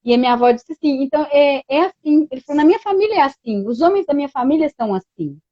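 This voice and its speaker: A woman's voice: high-pitched, animated, fast talker, dry recording. A woman in a casual chat, telling a personal story with many quoted exchanges and frequent tag questions. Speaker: guest. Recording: dull lo-fi dry sound.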